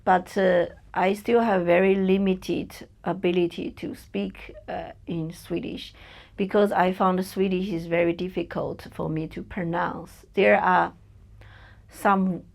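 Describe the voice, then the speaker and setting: This Chinese woman, whose first language is Chinese and who has a Chinese accent, speaks with a fairly low, creaky voice at a measured pace and fairly even intonation. As a podcast guest in a personal interview, she hesitates, hunts for words and fills gaps often.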